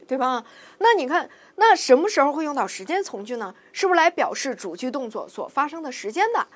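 A woman teaches a grammar lesson in a higher voice that rises and falls a great deal. She keeps asking her class rhetorical questions and then answering them herself. She reads each example sentence slowly and carefully. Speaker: Spanish teacher. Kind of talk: grammar lecture.

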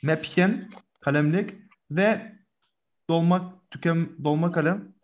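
A man's voice: a little high, sing-song, measured pace, dull audio. A male teacher giving a remote German lesson over a video call, patiently drilling vocabulary and praising his students' answers.

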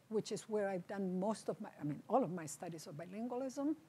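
An older woman from Chile, whose first language is Spanish, lectures in a lecture hall with a mellow, slightly husky voice. She keeps the academic talk conversational and often stops to check in with the room. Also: medium pitch. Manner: conversational, checks in with "right?" and "okay?". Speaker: lecturer on bilingualism. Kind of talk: academic presentation.

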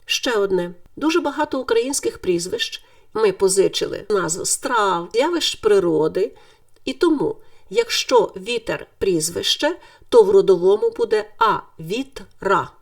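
A woman teaching a Ukrainian grammar lesson in clear, deliberate scripted speech, stressing the word endings. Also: mid-range voice, sing-song, far from the mic.

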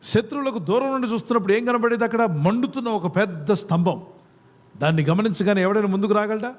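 This high-pitched pastor talks quickly as he delivers a sermon, firing questions at his congregation and urging them to call out their answers.

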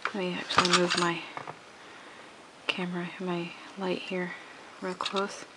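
A woman with a cold talks through a hands-on craft tutorial at her home craft table, indoors, sniffling and rambling with many restarts. Her lowish voice is monotone and measured in pace, and the recording is very noisy.

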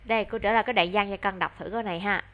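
A woman with a Vietnamese accent tutoring a child in English online, encouraging and slowing down to model English words clearly. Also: mid-range voice, fairly even intonation, lo-fi sound.

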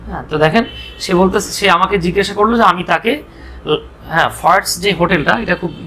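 A man with a Bangladeshi accent teaching English, reading story lines slowly and explaining them with playful, teasing asides. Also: fairly high pitch, pushed and bright.

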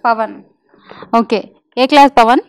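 A high-pitched young woman works as an anchor, chatting with children in a light, teasing way. She talks a lot and keeps asking them questions. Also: a little slow, smooth. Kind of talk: playful interview with children.

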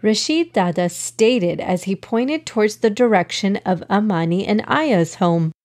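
A woman narrating a children's story in an expressive read-aloud style as podcast host. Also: mid-range voice, unhurried.

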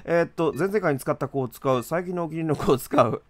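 A man giving animated let's-play commentary in rough, casual speech, often laughing. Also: on the high side, quick pace. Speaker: game streamer.

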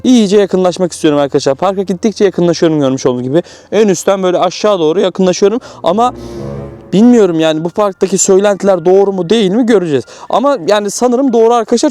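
A young man talking viewers through drone footage, jumpy and excitable, swinging from hushed tones to high excited bursts. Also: very fast, dry recording. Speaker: YouTuber flying a drone.

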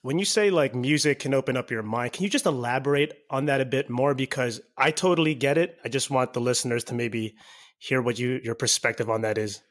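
A man's voice: medium pitch, fairly quick. A man in his thirties hosts a podcast in an easy, upbeat way. He fills his sentences with "like" while speaking into a headset mic at home. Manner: upbeat, heavy use of "like". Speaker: podcast host. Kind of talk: casual podcast interview. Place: home room.

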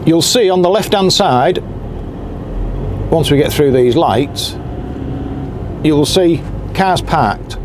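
A man's voice: a little high, slow, pauses often. A man in a moving car giving practical, chatty directions to anglers as he drives. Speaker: boat skipper's guide to anglers. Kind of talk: casual driving commentary. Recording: car and road noise behind.

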